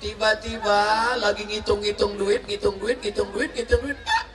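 A man preaching a sermon at a large gathering, animated and theatrical, shouting at climaxes and acting out voices. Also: high voice, normal speed. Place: large outdoor religious gathering. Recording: echoey, distant, noisy crowd ambience.

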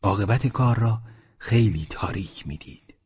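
A man narrating a novel as an audiobook in a low, subdued reading. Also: a little mellow, slightly rough, dull audio. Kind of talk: scripted literary narration.

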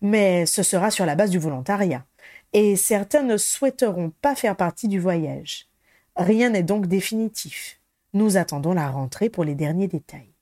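A woman's voice: fairly low pitch, expressive, moderate pace, warm tone, dry recording, studio quality. A woman reading the lines of a courteous, enthusiastic male ministry official in a storybook. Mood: eager. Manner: polite and enthusiastic.

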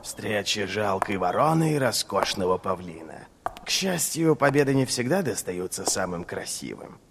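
A man's voice: on the low side, sing-song, moderate pace, creaky, long reverb tail, background noise. A man reading an audiobook, voicing a bitter, sarcastic crippled middle-aged inquisitor who snarls through his pain. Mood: sardonic.

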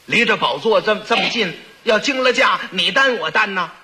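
Man voicing a hot-tempered prince, loud blustering scolding, very bright sharp tone. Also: high-pitched, expressive, moderate pace, heavily acted.

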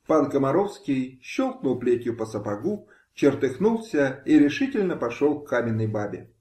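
A man reading a historical audiobook aloud with expressive, dramatic delivery. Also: mid-range voice, normal speed. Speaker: audiobook reader. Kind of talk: amateur audiobook narration. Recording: roomy home recording.

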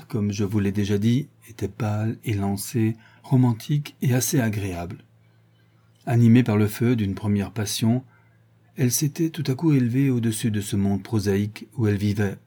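A man reading a novel aloud as narrator in a calm, measured way. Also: lowish voice, slightly rough. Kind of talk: audiobook reading.

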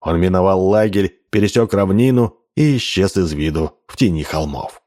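Casting: male audiobook narrator, low voice, steady storytelling. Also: normal speed.

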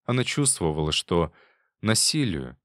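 A man reading a classic novel aloud in an even, measured way. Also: deep voice, dry recording, clean studio sound. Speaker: audiobook reader. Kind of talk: scripted narration.

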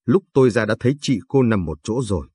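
A man's voice: on the low side, animated, fast talker, warm tone, slightly rough, no echo, clean studio sound. A man voicing a rude, scheming older mother-in-law in a storybook reading, snapping and scornful.

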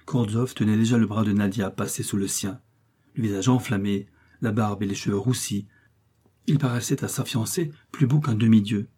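Low, husky male audiobook narrator. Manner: measured, steady storytelling.

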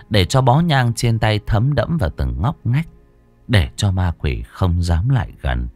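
A man narrating an audiobook story in an expressive, storytelling way. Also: sits low, no room sound. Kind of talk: scripted narration.

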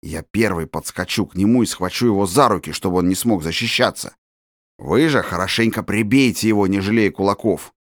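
A man's voice: on the low side, a little fast, dry recording, clean studio sound, natural voice. A man voicing a scheming teenage ringleader who gives orders in a conspiratorial way, in an audiobook. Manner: bossy, conspiratorial. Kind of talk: audiobook character voice.

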